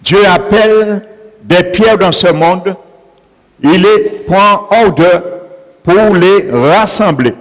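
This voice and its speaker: Slow-preaching man in a reverberant hall. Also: high voice. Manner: preaching, repeated "alléluia" between points. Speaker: pastor. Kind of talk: sermon.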